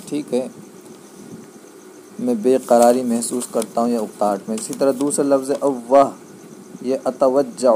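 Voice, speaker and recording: A man's voice: mid-range voice, mellow, a little hiss or hum, low-quality recording. A man teaching a grammar lesson, explaining patiently and checking that his students understand. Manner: patient, repeats key points, checks understanding.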